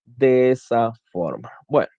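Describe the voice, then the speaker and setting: A man's voice: mid-range voice, very animated, slow pace, no room sound. A man teaching an online class, explaining step by step and often restarting his phrases. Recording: dull lo-fi dry sound.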